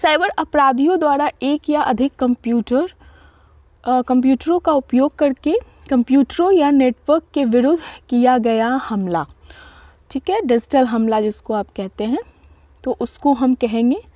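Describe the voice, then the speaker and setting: Indian woman, high voice, dry close sound; patient vocabulary teacher who spells words out letter by letter. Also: warm tone, no echo. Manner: spells words letter by letter, reads English definitions slowly. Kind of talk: explaining word meanings.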